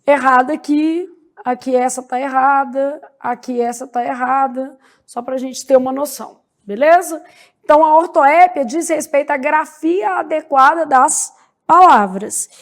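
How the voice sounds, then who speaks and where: A woman teaching a grammar lesson, drawing out each example word slowly and checking in with "né?" and "beleza?". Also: high-pitched. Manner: slow, spells out words syllable by syllable, frequent "né?" and "beleza?". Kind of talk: grammar lecture.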